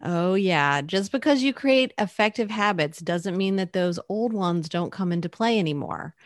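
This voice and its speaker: A woman's voice: lowish voice, animated, normal speed, dry recording, clean studio sound. A woman co-hosting a podcast, giving advice in a friendly, matter-of-fact way. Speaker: podcast co-host. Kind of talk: casual podcast chat.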